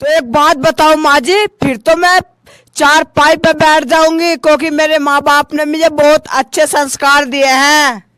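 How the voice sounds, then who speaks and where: A man voicing a sharp, prim young daughter-in-law in a comic sketch. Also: very high voice, level tone, unhurried, dry recording, clean studio sound, exaggerated voice. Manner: prim, insistent.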